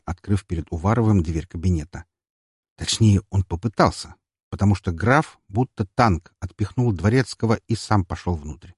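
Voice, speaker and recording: A man reading a first-person story aloud in an expressive, wry audiobook narration. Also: deep voice, slightly rough, dry recording, clean studio sound.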